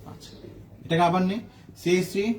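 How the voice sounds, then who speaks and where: Man, high-pitched, chemistry teacher, lecture style, asks and answers his own questions. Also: level tone, quick pace, darkish tone, slight background noise. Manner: asks questions and answers them himself, checking "ঠিক আছে?". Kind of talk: classroom lecture.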